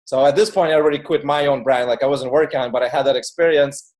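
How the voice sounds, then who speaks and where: Here the same Ukrainian-born guest, who relocated to the US at eight, sounds medium in pitch with a darkish tone and a fast delivery. He chats informally, telling stories casually and filling them with frequent "like"s.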